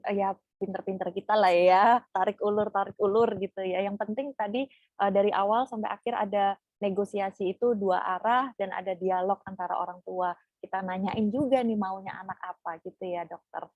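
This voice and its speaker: A woman's voice: medium pitch, no room sound. A woman moderating a webinar, summing up and asking questions in a friendly way. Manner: friendly, sums up and asks questions. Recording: tinny phone-like call audio.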